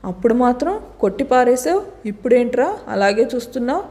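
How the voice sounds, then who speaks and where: A woman's voice: on the high side, lively intonation, brisk, warm tone, close to an everyday voice. A woman voicing a teasing old grandfather who ribs his grandson in good humour.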